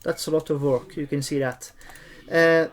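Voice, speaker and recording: A streamer giving an unscripted, hesitant gameplay tutorial, often pausing and repeating phrases. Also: mid-range voice, fairly even intonation. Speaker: streamer and game tutorial host.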